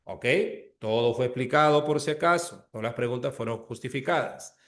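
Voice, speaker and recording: A man's voice: medium pitch, moderate pace, a bit bright. A male language teacher explaining exercises in an online class, going step by step and often checking that students follow. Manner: explains step by step, checks understanding with repeated questions.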